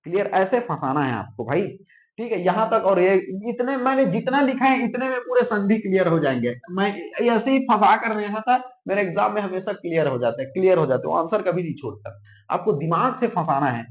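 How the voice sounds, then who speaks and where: A man's voice: high voice, sing-song, fairly quick. A man teaching Hindi grammar as an exam coach with a Chhattisgarh Hindi accent, repeating points and checking whether students understand. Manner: repetitive, drilling, keeps asking if it's clear. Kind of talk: classroom lecture. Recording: echoey room, dull lo-fi sound.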